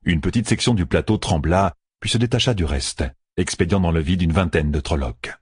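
Male audiobook narrator, very deep, husky, dry close recording, expressive reading. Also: fairly quick, no echo. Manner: expressive storytelling. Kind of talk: scripted narration.

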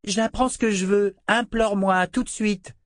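A spoiled little princess with a raised, girlish voice, taunting and gloating with cruel delight, as a man puts her on. She sounds sharp and pitiless. The audiobook recording is dry and close. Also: high-pitched, steady tone, normal speed, dry recording, pitched above the performer's own voice, natural voice.

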